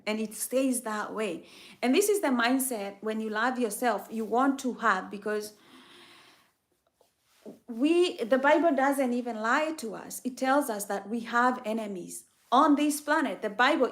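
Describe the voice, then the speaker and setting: A woman's voice: fairly high pitch, a bit bright. A woman from Kenya hosting a livestream, giving an emphatic, faith-based motivational talk and repeating her key phrases for effect. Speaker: livestream host.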